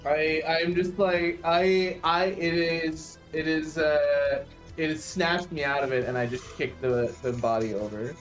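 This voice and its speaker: A man talking casually as a player in a tabletop game, halting and repeating words as he thinks aloud. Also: on the high side, little pitch movement. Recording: music behind the voice.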